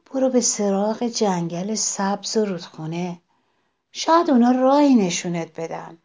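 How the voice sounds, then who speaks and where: A woman voicing a patient, hopeful old tree in a children's storybook, speaking gently. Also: medium pitch, lively intonation, close to an everyday voice.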